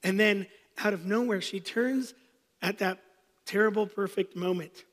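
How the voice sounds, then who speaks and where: A man's voice: high voice, unhurried, big-room sound. A man in his thirties, a pastor preaching, telling a personal story with self-deprecating humor. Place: church sanctuary.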